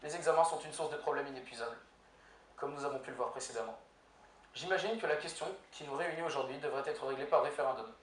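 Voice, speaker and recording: A young man, a law student, giving a prepared humorous speech in an eloquence contest, with deadpan, ironic punchlines. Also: mid-range voice, fast talker. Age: young adult. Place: university lecture hall with audience. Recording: echoey hall, far from mic, faint noise.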